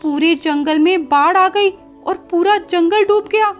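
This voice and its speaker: Woman doing a squeaky frightened little sparrow. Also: unhurried, lo-fi sound, faint music behind. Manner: pleading, frightened and stammering. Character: timid young female sparrow.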